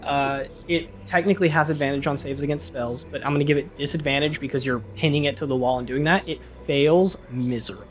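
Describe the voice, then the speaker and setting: A man running a tabletop game as game master, explaining rules in a relaxed way with many fillers. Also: fairly high pitch, fairly quick, hardly any pauses. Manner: relaxed, filler-heavy rulings.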